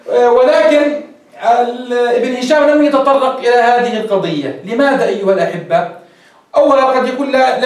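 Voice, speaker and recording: A man who teaches a grammar lesson as a sheikh and keeps checking with his students, asking and answering his own questions. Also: sits high. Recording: echoey room, voice far from the mic.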